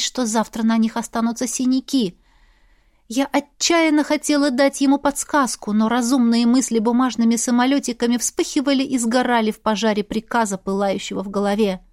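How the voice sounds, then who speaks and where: A woman reading a first-person fantasy audiobook in a steady, expressive storytelling voice. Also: on the high side, dry recording, clean studio sound. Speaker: audiobook reader.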